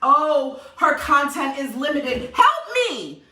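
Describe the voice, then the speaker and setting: Her voice high, bright and swooping, a sassy New York vlogger rants with passion directly to camera, animated and hammering points home by repeating them. She speaks slowly, sounding echoey and somewhat distant from the microphone.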